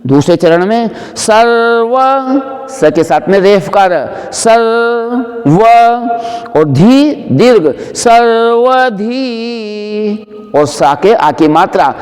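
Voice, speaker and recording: High-voiced man teaching chant pronunciation. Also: darkish tone, in a large hall. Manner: explains syllables briskly, then chants each word slowly and drawn out. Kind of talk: pronunciation lesson for a Sanskrit prayer.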